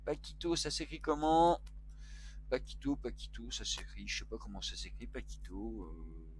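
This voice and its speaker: A man's voice: on the low side, normal speed, slight background noise. Casual man muttering through a chess stream. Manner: muttering to himself, chatty with viewers. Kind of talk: casual live-stream commentary.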